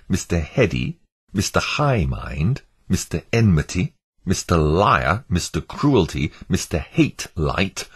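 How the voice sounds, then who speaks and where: A man narrating an allegorical story in a measured, dramatic storytelling manner. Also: extremely low pitch, breathy edge.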